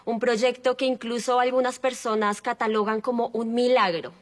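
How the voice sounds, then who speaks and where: A woman's voice: a little high, fairly even intonation, moderate pace. A woman, politely and admiringly asking a question at a public talk. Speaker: audience member asking a question.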